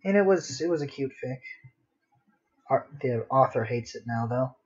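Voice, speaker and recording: In dull lo-fi home stream audio, a man draws live and chats casually, muttering to himself in self-deprecation while a dog is nearby. His voice is medium-pitched and husky, with lively intonation at a normal speed.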